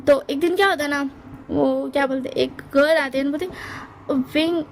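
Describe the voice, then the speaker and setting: A woman's voice: sits high, brisk, vocal fry, a little hiss or hum. A woman casually retelling a romance story, rambling and self-correcting as she goes. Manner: rambling, many fillers and restarts.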